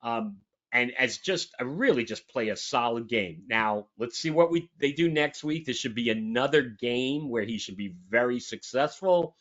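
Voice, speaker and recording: Guy rambling about football on a podcast, mid pitch, kinda muffled lo-fi sound. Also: a bit bright. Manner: rambling, emphatic, frequent restarts. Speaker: sports talk co-host. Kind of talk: casual sports chat. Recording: dull lo-fi audio.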